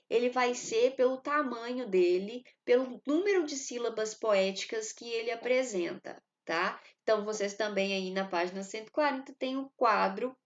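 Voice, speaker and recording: A woman's voice: on the high side, highs cut off, a little hiss or hum. A woman teacher explaining poetry meter to her students, talking them through step by step with frequent fillers. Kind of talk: recorded class lesson.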